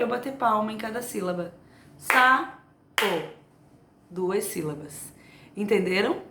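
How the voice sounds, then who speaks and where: A woman teacher giving a remote lesson to young children, explaining slowly and patiently. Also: on the high side, slight background noise. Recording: echoey room, faint ambience.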